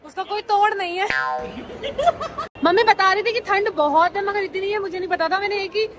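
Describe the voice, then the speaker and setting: Woman, chatty, very high pitch, music behind. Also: normal speed. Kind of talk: casual chat.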